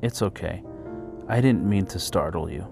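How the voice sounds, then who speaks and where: Man reading a nervous young guy, hesitant and apologetic, deep voice a bit raised, faint music behind. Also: normal speed, creaky. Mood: awkward.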